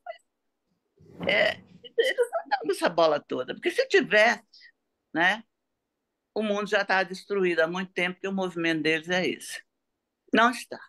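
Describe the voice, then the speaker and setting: A woman with a Brazilian accent giving an unscripted seminar talk, reflective and halting, often checking for agreement. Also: lowish voice, a bit bright. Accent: Brazilian Portuguese. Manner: reflective, halting, seeking agreement with tag questions. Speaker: seminar speaker.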